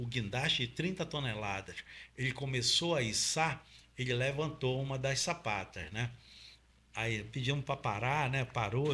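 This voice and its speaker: In an interview, a middle-aged guest from Pará, Brazil, who trains oil industry workers in safety, explains step by step with many fillers and tag questions. He has a Paraense Brazilian Portuguese accent and a mid-range, slightly bright voice.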